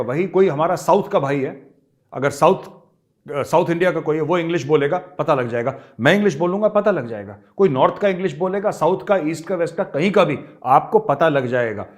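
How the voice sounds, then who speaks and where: A middle-aged man giving emphatic political commentary, talking straight to his viewers and repeating his points for emphasis. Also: on the high side. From India.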